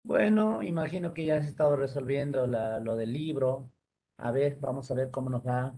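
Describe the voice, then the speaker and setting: A man's voice: mid-range voice, moderate pace, dark tone. A male teacher giving an online lesson on rules, patiently spelling words out syllable by syllable.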